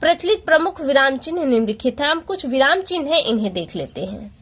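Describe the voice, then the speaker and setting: A woman teaching an exam-prep lesson, explaining patiently step by step with rhetorical questions and slowing down to read out examples. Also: high-pitched, very animated, a bit bright. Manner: slows down to read out example sentences.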